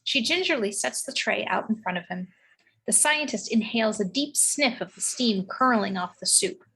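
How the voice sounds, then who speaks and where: A woman's voice: a little high, lively intonation, moderate pace, bright, forceful tone, slightly rough, poor audio. A woman narrating the stage directions of a script in a read-through.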